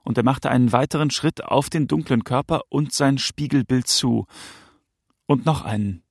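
Gravelly male audiobook narrator. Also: mid-range voice, no echo, clean studio sound. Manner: measured, tense storytelling. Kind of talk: audiobook narration of a crime novel.

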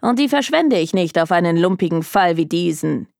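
A woman's voice: fairly low pitch, animated, moderate pace, creaky, a little mellow, dry recording, clean studio sound. A woman voicing an arrogant, bored young male detective who talks in a scornful, dismissive drawl.

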